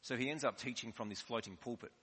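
A man's voice: mid-range voice, quick pace, sharp tone, breathy edge. A man preaching a sermon in a conversational, explanatory way. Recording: long hall reverb.

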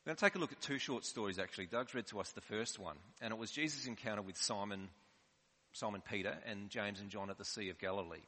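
A man's voice: fairly low pitch, fast, sharp tone. A man preaching a sermon in a conversational, explanatory way. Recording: long hall reverb.

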